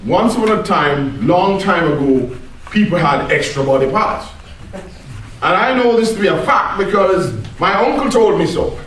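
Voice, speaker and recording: This woman's voice sits on the low side, expressive and unhurried, with slight background noise. A speech club storyteller, she spins a comic tall tale for a live audience in theatrical, mock-earnest fashion, captured from a distant microphone in a very echoey indoor room.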